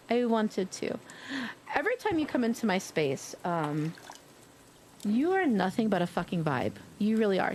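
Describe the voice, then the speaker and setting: A woman live streaming a game, chatting casually and effusively with her viewers and swearing freely. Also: fairly low pitch. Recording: steady noisy ambience behind voice.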